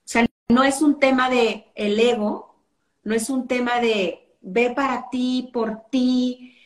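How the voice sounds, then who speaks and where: A woman's voice: fairly high pitch, fairly even intonation, takes it slowly, roomy sound. A woman parenting educator explaining things earnestly in an interview, acting out what parents say. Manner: earnest, acts out parents' quotes.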